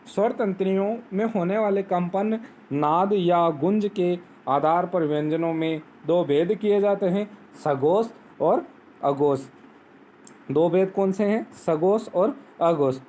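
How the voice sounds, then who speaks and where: A man teaching a grammar lesson, explaining step by step, asking questions and answering them himself, and reciting rules slowly. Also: sits high, darkish tone, a little hiss or hum. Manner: recites Sanskrit sutras slowly. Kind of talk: Hindi grammar lesson on phonetics.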